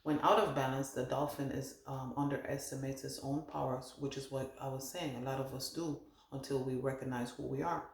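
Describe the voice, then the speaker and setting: A gravelly mid-range male voice, level and brisk, barely pauses as the medium rambles through a channeled card reading. He thinks aloud and conveys spirit messages. There's a slight hiss or hum, and the space sounds roomy and echoey.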